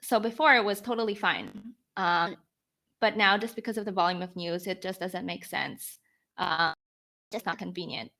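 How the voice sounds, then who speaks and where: In a podcast interview, a Filipino startup founder of about twenty talks through her reasoning with rhetorical questions and examples. Her low voice sounds pushed and bright, with vocal fry, at a normal speed.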